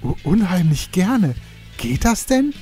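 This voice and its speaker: A man's voice: high-pitched, big pitch swings, slow pace, mellow, soft background music, voice pushed up, exaggerated voice. A man voicing a small, polite male macaw parrot who stammers shyly in a storybook tale. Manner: hesitant, stammering.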